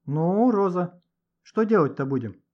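A man's voice: high voice, lively intonation, measured pace, highs cut off. A man voicing an offhand, helpful schoolboy. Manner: offhand, sighing. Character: good-natured schoolboy, grudgingly helpful.

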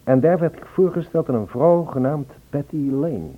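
In an old Dutch radio play, a male actor gives wistful first-person narration as an earnest, lovesick man searching for a woman. His voice sits on the high side, close to an everyday voice, at a moderate pace. The old recording sounds tinny and phone-like.

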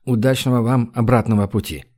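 A man voicing a calm, coldly ruthless male shaman who speaks with dry, unhurried menace. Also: mid-range voice, natural voice.

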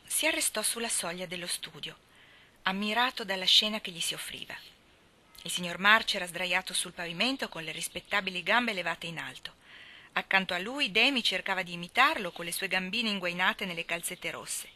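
A woman reading a classic novel aloud in a measured, expressive storytelling manner. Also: fairly low pitch. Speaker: reader.

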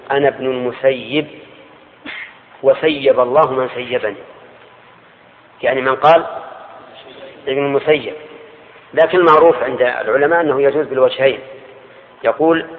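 Older man teaching hadith, lo-fi hall. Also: medium pitch. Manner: measured, repeats key phrases, explanatory. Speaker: Islamic scholar teaching hadith. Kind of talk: religious lesson explaining hadith. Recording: dull lo-fi archive recording in a large reverberant hall.

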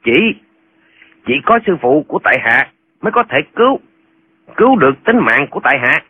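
A woman voicing a gravely wounded young male swordsman in an audiobook, out of breath and speaking in halting, broken phrases. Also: lowish voice, big pitch swings, dry recording, pitched below the performer's own voice, full character voice. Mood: feeble. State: out of breath, barely able to speak. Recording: tinny phone-like sound.

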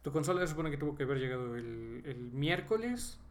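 A man's voice: mid-range voice, very animated, fairly quick. A man with a Mexican Spanish accent co-hosting a podcast, rambling in casual chat and filling his sentences with fillers and slang tags. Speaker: podcast co-host.

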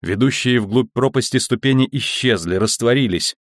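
A man narrating an audiobook in a measured, even reading. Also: medium pitch, no room sound, clean studio sound. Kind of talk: scripted narration.

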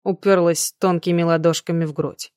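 A woman narrates a novel in a measured, dramatic reading. Her voice is somewhat low, and the recording is dry and close, with no echo. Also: fairly even intonation, a little mellow. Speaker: audiobook reader. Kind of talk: scripted narration.

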